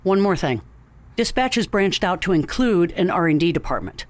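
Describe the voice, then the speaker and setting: In an audio drama, a male actor portrays a measured, authoritative captain who speaks formally and deliberately. His voice is high, with lively intonation.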